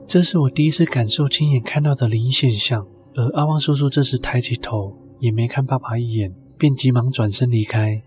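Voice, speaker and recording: A man's voice: mid-range voice, a little fast, few pauses, darkish tone. A man narrating a scripted first-person ghost story as a storyteller. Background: music.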